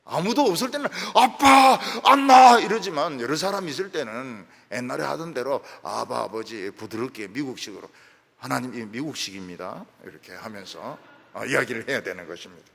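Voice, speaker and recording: A gravelly-voiced male pastor preaching with a lively, rising-and-falling delivery. His voice swings between loud emphasis and soft trailing ends. The sermon rings out with a long reverb in a church hall. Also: medium pitch, fairly quick. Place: church sanctuary.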